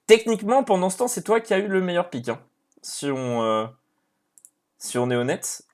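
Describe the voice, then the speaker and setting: Excitable French-speaking man streaming live. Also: high voice, moderate pace. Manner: excitable, animated, talks to viewers by name. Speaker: streamer running a live draw. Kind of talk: casual live-stream chat.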